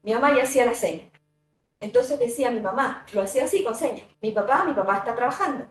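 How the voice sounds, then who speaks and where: A woman's voice: fairly high pitch, expressive, quick pace, faint music behind. A woman giving a university lecture, thoughtful and conversational, with many fillers and tag questions. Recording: echoey room, voice from a distance.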